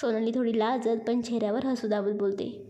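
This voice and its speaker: A woman narrating a romance story in an expressive way. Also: fairly high pitch, brisk.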